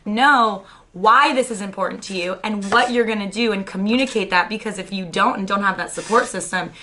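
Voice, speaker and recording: A young woman talks in a bright, ringing voice, frank and emphatic. She is a guest on a casual podcast and swears easily. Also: medium pitch, a little fast, slight background noise. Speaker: podcast guest, nutrition business owner.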